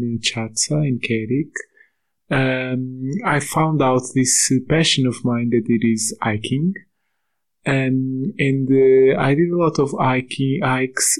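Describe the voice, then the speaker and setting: A young man from Portugal, telling a personal story haltingly with many fillers. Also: mid-range voice. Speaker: volunteer guest. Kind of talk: recorded personal account.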